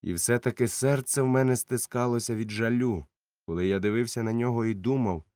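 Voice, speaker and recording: A male narrator tells an adventure story in the first person with steady, measured delivery. His voice sits at an average male pitch. The reading sounds dry and close. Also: no echo. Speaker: audiobook narrator.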